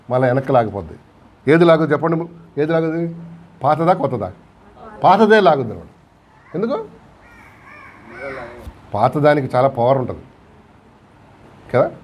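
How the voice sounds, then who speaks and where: Telugu-accented pastor preaching a lively sermon. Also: male voice, a little high, a little hiss or hum. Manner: conversational preaching with questions to the congregation and acted-out quotes. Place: church hall.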